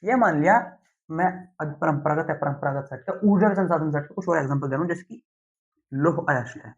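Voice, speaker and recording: Young man, tutor explaining step by step, slightly high voice, dull lo-fi recording. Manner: slow, deliberate explaining with frequent "theek hai" check-ins. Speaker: teacher. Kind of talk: classroom lecture. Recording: dull lo-fi sound.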